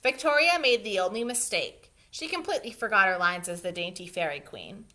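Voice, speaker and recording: A woman teacher reading a children's storybook aloud expressively, pausing to explain things to young listeners. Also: mid-range voice, lively intonation, pushed and bright.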